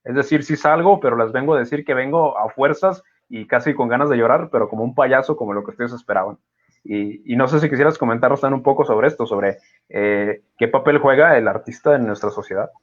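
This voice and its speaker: Speaking fairly quickly at medium pitch, this thoughtful podcast host chats casually, reflecting aloud with lots of fillers and false starts. The recording sounds muffled and lo-fi.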